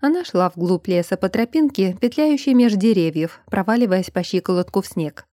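A woman reading an audiobook in an even, measured narrating manner. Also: mid-range voice, no room sound, clean studio sound. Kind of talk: scripted narration.

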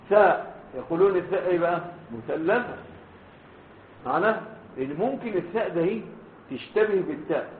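Egyptian sheikh lecturing over a tinny line. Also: male voice, on the high side, slight background noise. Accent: Egyptian Arabic. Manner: checks on students with frequent questions; spells out letters slowly and deliberately. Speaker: sheikh teaching hadith. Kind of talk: classroom hadith lecture. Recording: echoey room over a tinny phone-like line.

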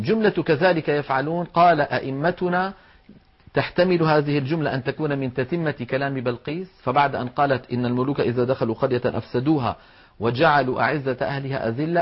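A man's voice: medium pitch, muffled recording. A man teaching a lesson on Quran recitation rules, explaining each point methodically and pronouncing the words aloud to demonstrate them.

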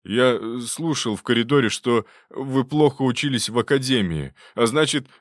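A man's voice: mid-range voice, moderate pace, no echo, clean studio sound, voice pushed up, lightly acted. Man voicing stubborn, distrustful hunchbacked patient. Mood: suspicious. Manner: stubborn, suspicious.

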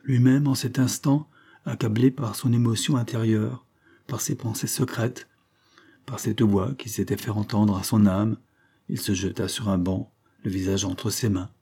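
Husky low-voiced male audiobook narrator. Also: measured pace. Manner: steady literary reading. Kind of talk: audiobook narration of a historical novella.

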